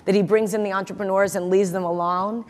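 A woman's voice: mid-range voice, steady tone, fast talker. A woman in her forties, an investor interviewed on stage, speaking confidently and repeating words for emphasis into a lapel mic. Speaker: investor and keynote guest. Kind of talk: onstage interview. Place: large conference hall stage. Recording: long hall reverb.

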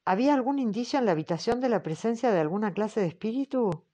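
A woman reading the part of a formal man questioning a witness, slow and patient. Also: on the high side, lively intonation, warm tone. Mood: probing. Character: measured male examiner, formal and patient. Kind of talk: audiobook character reading.

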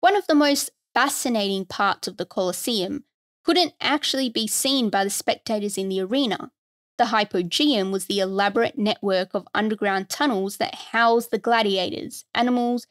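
A woman's voice: medium pitch, normal speed, dry recording, clean studio sound. A woman hosting a history podcast, reading a scripted narration in a conversational tone with wry asides. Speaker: podcast host.

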